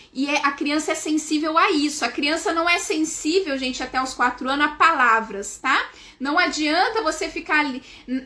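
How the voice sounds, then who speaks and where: A woman with a Brazilian Portuguese accent speaks in a high, bright voice during a live talk for parents. She explains things patiently, keeps calling out to her listeners and checks in with a quick "tá?" as she goes. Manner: warm explaining, addresses "gente", frequent "tá?" checks. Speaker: parenting educator.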